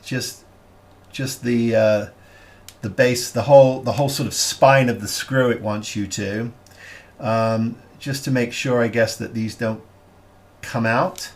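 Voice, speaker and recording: A man of middle pitch walks through a hobby model build at an unhurried, slow pace. He talks half to himself, trailing off and restarting as his hands stay busy. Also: steady tone. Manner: unhurried, halting, thinking aloud with many fillers.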